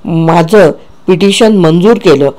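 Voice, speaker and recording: A man narrating a dark first-person story in a measured, grave way, sometimes correcting himself. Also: sits high.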